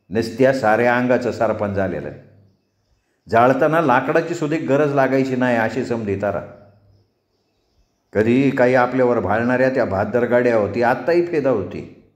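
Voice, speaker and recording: A man narrating a rural novel in dramatic, measured storytelling style. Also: mid-range voice, echoey room. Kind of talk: Marathi kathakathan narration.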